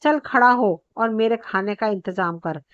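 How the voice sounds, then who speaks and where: Woman voicing a greedy pompous merchant, bossy, grumbling, hushed and quiet, dull lo-fi sound. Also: medium pitch, unhurried, no echo, close to an everyday voice. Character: greedy pompous merchant, middle-aged man.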